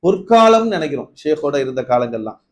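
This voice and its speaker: A man giving a Ramadan night sermon, telling stories, asking his listeners questions, rising to emphatic peaks and then dropping low. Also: big pitch swings, fast talker. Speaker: preacher.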